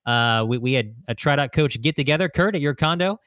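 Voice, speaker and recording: A man's voice: medium pitch, expressive, fairly quick, a bit bright, dry recording. Friendly male podcast host, dry sound. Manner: friendly, structured questions, laughs along. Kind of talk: hosting a podcast interview.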